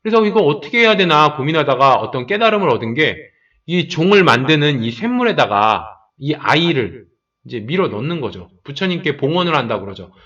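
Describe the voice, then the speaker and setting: A man teaching history for exam prep, explaining with lively asides and quick imagined dialogue. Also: mid-range voice, distant mic, highs cut off.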